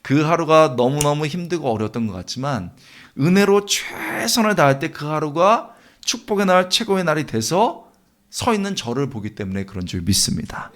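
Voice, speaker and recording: A man delivers a sermon in a church. His voice sits a little high and rises and falls freely. He talks earnestly, putting one question after another to the congregation. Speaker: guest preacher.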